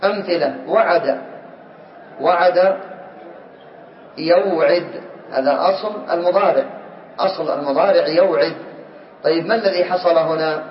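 A man teaching a class, quizzing his students and calling on them, slowly repeating key words. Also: a little high, slight background noise. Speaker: teacher of Arabic morphology. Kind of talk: classroom lecture. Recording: distant, roomy, dull lo-fi recording.

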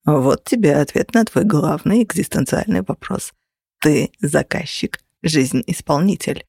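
A narrator voicing a mocking, menacing young man who threatens softly and sneers, in an audiobook. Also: a little high, animated, creaky, breathy edge, no room sound, studio quality, voice pushed down, exaggerated voice. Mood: sneering. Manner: sneering, quiet and unhurried threats. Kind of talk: audiobook character voice.

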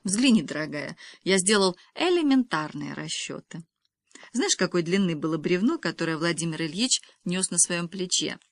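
A woman reading an audiobook, voicing a calm, wry father who explains his joke in a deadpan, patient way. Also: fairly low pitch, normal speed, no room sound. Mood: dry. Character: calm, wry middle-aged father, dry joker.

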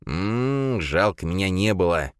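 A man's voice: sits low, animated, a little slow, smooth, dry recording, clean studio sound, voice pushed up. Man doing a grumbling, skeptical professor. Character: grumbling middle-aged male professor of artifacts.

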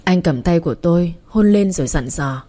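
Husky dark-voiced woman telling a story. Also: fairly low pitch, expressive, moderate pace. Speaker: narrator. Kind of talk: first-person story reading.

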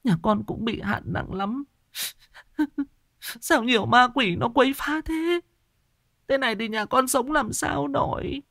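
A man's voice: extremely high pitch, unhurried, vocal fry, pauses often, bright, forceful tone, dry recording, clean studio sound, voice pushed up, heavily acted. A man voicing a frightened older village wife who pleads tearfully. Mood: pleading.

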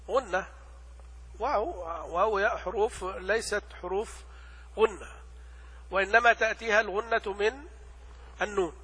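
A man teaching a lesson on a classical text, posing questions and answering them himself, and reciting examples slowly. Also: high voice, sharp tone, slightly rough, long reverb tail. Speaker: religious teacher. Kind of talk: lecture explaining a classical text.

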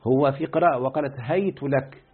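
A man with an Egyptian Arabic accent teaching a grammar lesson, who keeps quizzing his student and slowly repeats words. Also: medium pitch, husky. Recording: tinny phone-like line.

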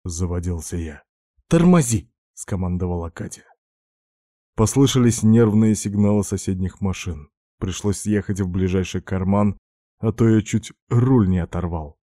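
A man narrating a first-person novel as an audiobook, in a steady, measured storytelling manner. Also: low-pitched, dry recording, studio quality.

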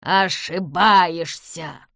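A woman voicing an angry, demanding grown man who shouts his threats in an audiobook. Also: sits low, slow pace, no room sound, studio quality.

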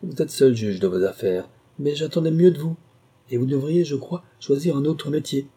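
A man's voice: mid-range voice, normal speed, dark tone, husky, lightly acted. A man reading a story, voicing a scheming, sarcastic wife who mocks and goads a burglar. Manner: cold, mocking, haughty.

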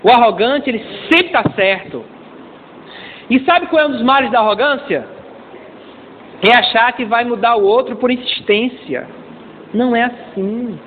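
Playful Brazilian pastor in echoey hall. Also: male voice, very high-pitched, animated, normal speed, long pauses, slight background noise. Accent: Brazilian Portuguese. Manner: playful, acts out little dialogues, calls for amens. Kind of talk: lively humorous sermon. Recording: tinny lo-fi recording in a long-reverb hall.

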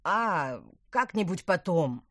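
A woman's voice: deep voice, expressive, moderate pace. A woman voicing a young boy in a storybook reading, speaking offhandedly and playfully. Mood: offhand. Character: young boy, twin brother, trying to act casual.

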